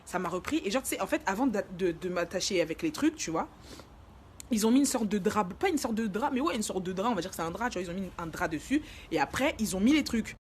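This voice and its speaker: A young woman telling a personal story in a casual, slangy vlog style, acting out the shouted moments as she goes. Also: mid-range voice, lively intonation, quick pace, slight background noise.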